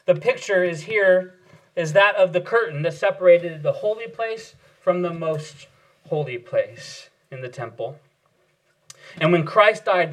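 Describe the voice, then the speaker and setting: A man's voice: on the high side, poor audio. A man preaching a sermon earnestly, asking rhetorical questions and repeating key phrases for emphasis. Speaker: pastor.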